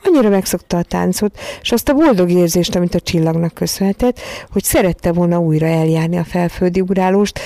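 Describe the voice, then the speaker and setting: Woman reading a kids story, calm, low gravelly voice, dark and dry. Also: no echo. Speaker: narrator.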